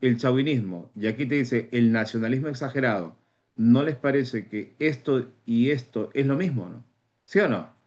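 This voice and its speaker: Peruvian male teacher, mid pitch, animated online class, dull lo-fi audio. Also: moderate pace. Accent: Peruvian Spanish. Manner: lively, plays both student and teacher in dialogue. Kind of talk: online exam-prep class.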